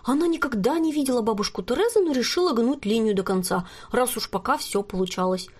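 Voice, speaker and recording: A woman narrating a children's storybook in a lively, expressive reading. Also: on the high side, fast, breathy edge. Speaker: reader.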